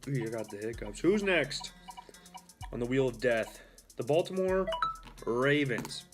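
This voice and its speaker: Music plays behind a young man hosting his own laid-back sports talk show. His mid-range voice has lively intonation and an unhurried pace, and he rambles with fillers and self-corrections.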